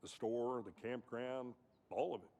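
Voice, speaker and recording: A man's voice: mid-range voice, fairly even intonation, unhurried, noisy background, lightly acted. A man playing a folksy, rambling, slightly hesitant small-town deputy in scripted video game dialogue. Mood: folksy, chatty.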